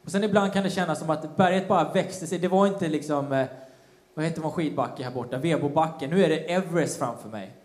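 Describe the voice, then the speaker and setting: A man's voice: fairly high pitch, a little mellow. A man preaching a sermon, retelling a Bible story with casual slang asides and acted-out quotes. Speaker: pastor. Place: church hall. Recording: roomy church hall sound.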